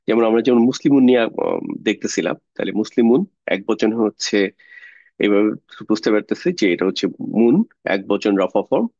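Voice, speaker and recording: A man's voice: lowish voice, darkish tone, no echo, muffled recording. A man teaching an online Arabic grammar class, explaining patiently step by step and mixing English words into his speech.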